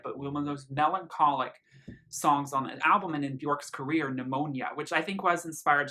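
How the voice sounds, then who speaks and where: A man with a medium-pitched, bright, forceful voice gives an effusive, casual music review. His delivery is earnest and full of emphasized words, and he reads lyrics from the album aloud.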